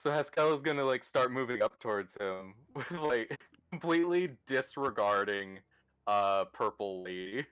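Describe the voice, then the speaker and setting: A man playing a tabletop role-playing game, casually and jokily describing his character's actions in halting phrases. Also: mid-range voice, lively intonation, fairly bright tone, smooth, dry recording, lo-fi sound. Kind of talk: casual role-play chat.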